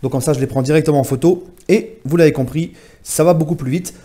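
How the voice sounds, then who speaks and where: A man's voice: on the high side, fast, warm tone. A man recapping a week of football club news in a casual vlog, talking to his viewers as friends and using many fillers. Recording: home vlog.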